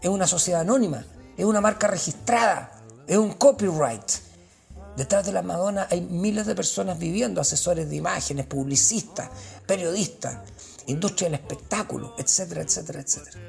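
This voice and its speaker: A man's voice: high voice, a little fast, creaky, faint music behind. A man with a Chilean accent delivering a profane, slangy and sarcastic comic rant. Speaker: comedian.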